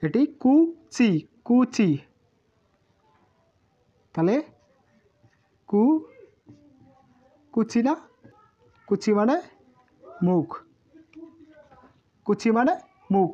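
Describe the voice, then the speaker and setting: A woman's voice: mid-range voice, expressive, slow pace, long pauses, warm tone, slightly rough. A woman teaching a language lesson, sounding out each word syllable by syllable and repeating it several times. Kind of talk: slow spoken lesson with repeated drilling. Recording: dull lo-fi audio.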